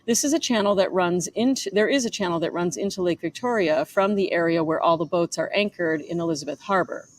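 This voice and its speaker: A woman's voice: fairly low pitch, a little fast, few pauses, a little hiss or hum. A woman reading a chapter of her own memoir aloud in a conversational way, with small asides and self-corrections.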